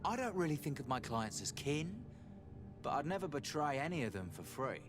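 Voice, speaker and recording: An actor playing a wry, sardonic jailed smuggler who bargains, in a video game. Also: male voice, on the high side, big pitch swings, brisk. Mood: wry, bargaining. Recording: music behind the dialogue.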